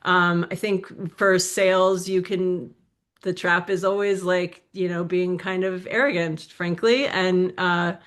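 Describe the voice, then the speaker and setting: A woman's voice: lowish voice, steady tone, slow pace, fairly bright tone. A woman speaking as a guest in a casual interview, chatty and full of little fillers.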